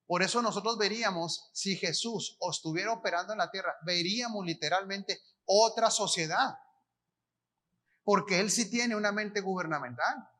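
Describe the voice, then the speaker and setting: Man, Mexican Spanish accent, preaching, high voice, colloquial, asks and answers his own questions. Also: moderate pace, pushed and bright. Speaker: apostle preaching. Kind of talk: conference sermon.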